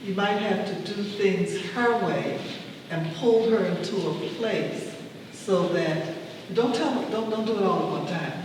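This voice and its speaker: An older woman sharing a personal anecdote at a community discussion, halting and deliberate, often repeating her phrases. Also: mid-range voice. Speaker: audience participant sharing advice. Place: large reverberant room at a public discussion. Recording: very echoey noisy hall, distant mic.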